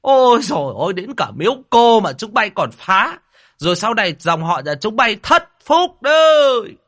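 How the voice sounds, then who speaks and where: A man's voice: sits high, sing-song, moderate pace, fairly bright tone, pitched above the performer's own voice. A man doing a shrieking, quarrelsome clan elder. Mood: shrill fury. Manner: shrieking insults. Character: shrill quarrelsome older male clan elder.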